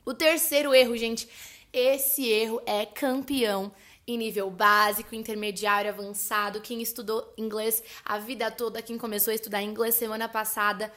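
A Brazilian woman with a Brazilian Portuguese accent, hosting a podcast lesson. She explains in a chatty way, often checks in with her listeners, and says example words slowly and carefully. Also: fairly high pitch, level tone, a bit bright. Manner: chatty, addresses listeners as "gente", frequent "né?" and "tá bom?". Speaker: English teacher and podcast host.

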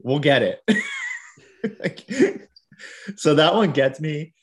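A man's voice: fairly high pitch, animated, slow. Chatty man laughing between thoughts. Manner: chatty, laughs often, rambling asides. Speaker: podcast co-host. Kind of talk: casual chat about TV and film.

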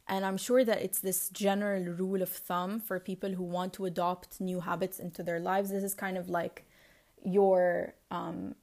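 A woman's voice: lowish voice, little pitch movement, moderate pace, a little mellow. Reflective woman with a Lebanese, partly Americanized accent. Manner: reflective, rambling. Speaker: podcast host. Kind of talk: casual confessional solo monologue.

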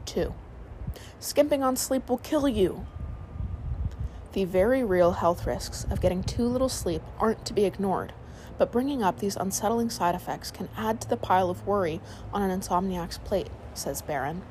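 A woman's voice: mid-range voice, normal speed, a little mellow, poor audio. Woman sleep story narrator, faint background noise. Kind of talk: calm sleep story narration, read aloud.

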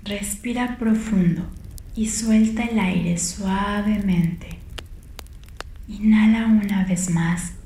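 A woman leading a guided meditation with a soft, calm voice and gentle, unhurried instructions, sometimes near a whisper. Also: mid-range voice, roomy sound, slight background noise. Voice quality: soft and calm, hushed at times. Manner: slow, gentle instructions with long pauses.

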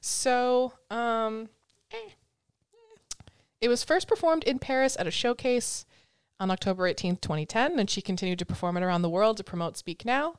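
A woman's voice: a little high, lively intonation, moderate pace, smooth, no echo. Female podcast host, casual, giggly, filler-heavy, dry recording. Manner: chatty, giggly, trails off with fillers. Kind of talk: casual chat, reading notes.

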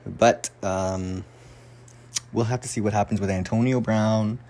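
Man, low voice, casual podcast host, rambling, swears a lot, faint room hiss. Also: steady tone, measured pace, mellow. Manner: rambling, swears freely, easily sidetracked. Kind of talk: casual fantasy football podcast talk. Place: room at home, door nearby.

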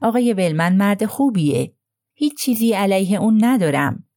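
A woman voicing a plain, earnest young male mechanic who speaks haltingly and apologetically, groping for words. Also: mid-range voice, animated, mellow, dry recording, studio quality, natural voice.

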